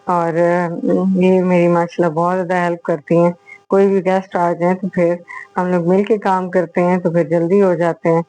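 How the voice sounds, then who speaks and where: A middle-aged woman chatting through a voice-over for her home vlog, unhurried, with drawn-out fillers between thoughts, recorded close on a small mic. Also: on the low side, level tone, dark tone, no room sound, rough recording. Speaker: vlogger, host. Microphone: voice-over on a small clip-on mic.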